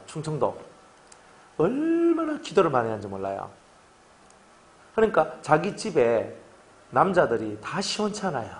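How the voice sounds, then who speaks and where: A middle-aged man, preaching a sermon to his congregation in a lively, joking way and often asking them to agree. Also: a little high. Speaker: pastor.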